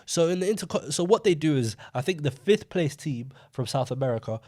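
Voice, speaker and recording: A young man co-hosting a podcast, chatting casually about football and telling rambling, animated stories. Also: a little high, fairly quick. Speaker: podcast co-host.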